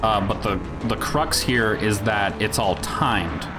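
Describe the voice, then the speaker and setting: A man's voice: on the low side, slow pace. A man giving a casual, sweary gaming rant in a rambling, sardonic, grumpy-old-man grumble. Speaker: video game reviewer. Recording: music behind the voice. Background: music.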